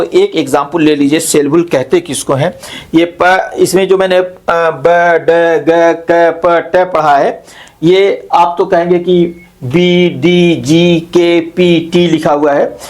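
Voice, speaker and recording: A male literature teacher with a fairly high pitch lectures slowly in a classroom. He explains each term and repeats it in Hindi, often pausing and correcting himself.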